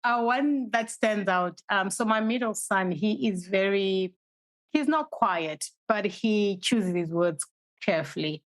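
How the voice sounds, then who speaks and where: A woman's voice: medium pitch, unhurried, dry recording, low-quality recording. Woman from Zimbabwe, laughing storyteller. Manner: laughing, storytelling, animated when quoting. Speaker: podcast guest. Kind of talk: casual interview chat.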